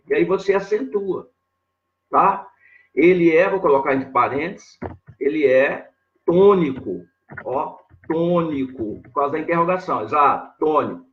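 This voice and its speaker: A man teaching grammar in a live online lesson, talking slowly and repeating himself as he points things out on a board. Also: fairly high pitch, dull audio, slight background noise. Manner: slow and repetitive, constantly saying "ó" and "olha lá" while writing on a board.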